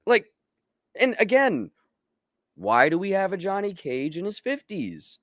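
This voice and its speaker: A man's voice: sits high, big pitch swings, a little slow, no room sound, studio quality. A man co-hosting a casual live show, ranting animatedly and swearing freely. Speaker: podcast co-host. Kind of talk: casual chat.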